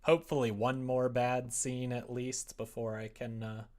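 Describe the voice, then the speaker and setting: A young man hosts a livestream, chatting casually while he works, with a self-deprecating, sardonic and grumbling attitude. He speaks at a moderate pace in a medium-pitched, level voice.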